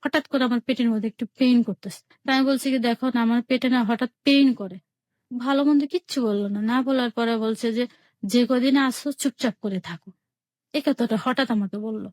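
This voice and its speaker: On a radio call-in show, a woman from Bangladesh recounts her own life story in plain words, repeating herself a lot and acting out each exchange in quotes. Her voice is on the high side and brisk, with a darkish tone and no room sound.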